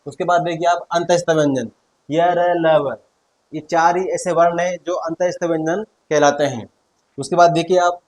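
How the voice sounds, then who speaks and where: On poor audio, a man with a fairly high, slightly mellow voice teaches Hindi consonants. He explains patiently, repeats every sound out loud more than once, and keeps asking his students "theek hai" as he goes.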